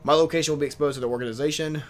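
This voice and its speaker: With faint music playing behind him, a man with a fairly high, steady voice races through a visual novel as a let's play host. He stumbles over words, restarts lines, and mutters complaints, mixing game text with casual asides.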